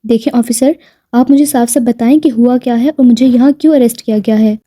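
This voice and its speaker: A woman's voice: on the high side, steady tone, dark tone, close to an everyday voice. A woman voicing a devoted, teasing husband who turns firm and insistent under arrest, in a storybook reading. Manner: teasing and tender, then firm when arrested. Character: devoted affectionate husband, teasing, wealthy businessman.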